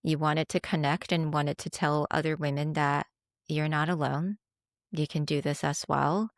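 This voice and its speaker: A woman hosting a podcast, asking questions in a warm, admiring, unhurried way. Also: sits low, steady tone, no echo, clean studio sound. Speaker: podcast host. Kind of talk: casual interview chat.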